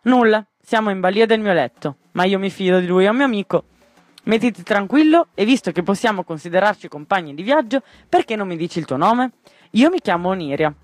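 A man doing an excitable young girl. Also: high voice, a little fast, no echo. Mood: calm. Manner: indignant, excitable. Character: lively young girl, proud and easily offended. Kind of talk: storybook reading.

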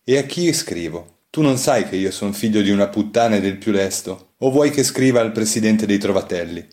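A man's voice: on the low side, animated, a little fast, darkish tone, close to an everyday voice. A man voicing a doomed young soldier held prisoner, giving terse and bitter replies in an audiobook.

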